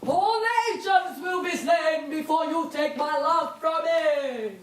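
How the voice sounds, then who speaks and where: Woman playing a high-voiced hammy young lover. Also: slow pace. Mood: defiant, pompous. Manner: hammy, declaiming like a stage actor. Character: lovesick, pompous young man who acts theatrically. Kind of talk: live stage comedy acting. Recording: roomy stage, distant mic, faint noise.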